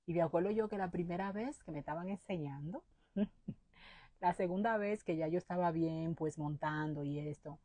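A Dominican woman vlogger telling a rambling, animated story to her viewers, often stopping to address them directly. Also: on the low side, moderate pace, dry recording. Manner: animated, repeats "mi limones" often, restarts and laughs.

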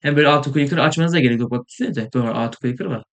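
A young man casually commenting on his gameplay, rambling and excitable, sometimes mumbling, saying he is tired. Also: medium pitch, rapid-fire. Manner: rambling, excitable, swears in frustration, trails off into mumbling. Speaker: gaming video host.

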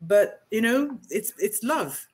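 A woman's voice: a little high, animated, takes it slowly, husky. Encouraging woman moderating a panel. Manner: warm, encouraging, effusive.

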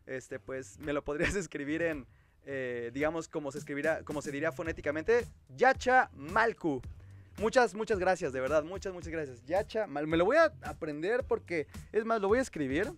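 High-voiced Mexican man hosting a livestream. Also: animated, a little fast. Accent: Mexican Spanish. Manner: chatty, reads viewer comments aloud and replies. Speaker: livestream host. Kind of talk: casual livestream chat.

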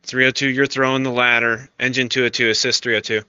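Sharp, forceful man commanding over radio. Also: mid-range voice, level tone, fast. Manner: directive, procedural. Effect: two-way radio. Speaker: fire scene incident commander. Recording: dull lo-fi radio, faint static.

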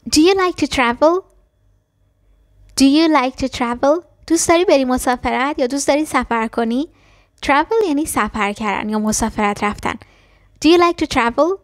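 A woman teaching a language lesson, explaining quickly and then repeating short phrases slowly and carefully. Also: high-pitched, no echo, clean studio sound. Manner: switches between fast explanations and slow, careful repetitions. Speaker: English teacher.

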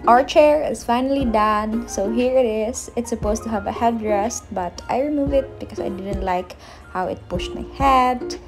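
A woman, chatting casually through a vlog, soft-spoken and laughing easily. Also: on the high side, moderate pace, low-quality recording. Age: 20s. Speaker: vlogger. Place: small apartment room, indoors. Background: background music.

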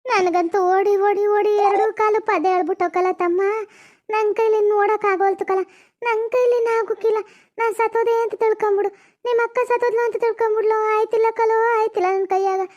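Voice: very high voice, level tone, quick pace, darkish tone, dull audio. A performer voicing a worn-out village woman who complains breathlessly about running, with a North Karnataka Kannada accent, in a cartoon comedy. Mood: exhausted.

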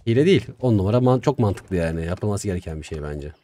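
A young man giving casual, chatty commentary while playing a strategy game, talking to himself with excitable swings. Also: sits low, quick pace, slight background noise. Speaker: gaming YouTuber. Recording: faint music behind.

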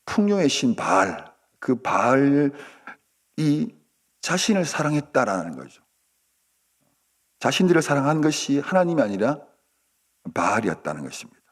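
A man preaching at a dawn prayer service, telling a story dramatically and swinging between loud outbursts and hushed asides. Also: medium pitch, huge pitch swings, moderate pace, pauses often. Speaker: pastor.

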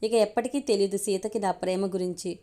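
A woman's voice: mid-range voice, fairly even intonation, a little fast, dark tone, lightly acted. A woman reading the lines of a lovesick young man in an audio story, earnest and pleading. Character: young man in love, hesitant then eager.

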